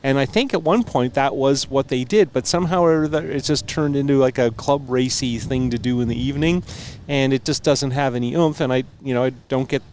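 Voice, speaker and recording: A man co-hosting a motorsport podcast in casual chat, speaking in a measured, dry way with some hesitations. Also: medium pitch, darkish tone, slight background noise. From Canada. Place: outdoor observation deck at a speedway.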